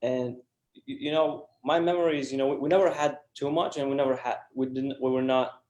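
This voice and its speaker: A man's voice: mid-range voice, steady tone, brisk, a little mellow, roomy sound, lo-fi sound. A man, a guest telling his story in an earnest, casual way full of fillers and restarts. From Iraq. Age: 20s. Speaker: guest entrepreneur. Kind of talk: casual interview talk.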